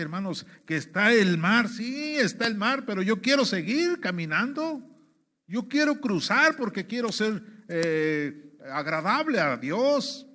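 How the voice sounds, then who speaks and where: A man from Mexico delivers a sermon in a notably high voice. He keeps addressing his brothers and poses rhetorical questions, often stumbling into restarts as he presses his point. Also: sharp tone. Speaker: preacher.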